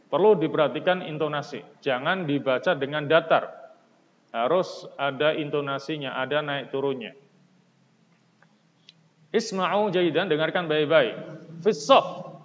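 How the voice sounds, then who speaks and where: Male language teacher, slightly high voice, measured unhurried delivery, reverberant muffled recording. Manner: slow, deliberate, translating each phrase. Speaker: Arabic teacher. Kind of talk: recorded classroom lesson.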